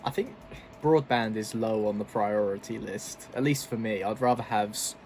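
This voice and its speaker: A man's voice: fairly low pitch, moderate pace, darkish tone, soft background music. A man hosting a casual reaction video, chatty and loose, laughing often between asides. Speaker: video host.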